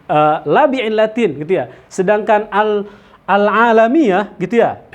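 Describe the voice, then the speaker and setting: A man leads a study circle lesson. His voice sits high for a man. He explains slowly, with many fillers and Arabic terms, and often checks in with his listeners. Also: dull audio. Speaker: teacher of Islamic theology.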